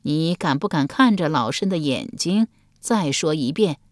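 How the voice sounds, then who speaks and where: A woman's voice: low voice, lively intonation, a little slow, no room sound, clean studio sound. A woman voicing a shrewd, stern elderly grand empress dowager who speaks coldly and commandingly in a storybook reading. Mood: imperious. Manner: cold, imperious, scolding.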